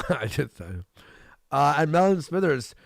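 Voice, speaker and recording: A man's voice: fairly high pitch, very animated, slow, creaky, no echo. A man hosting a live stream, laughing often and reading out viewer donations in crude banter.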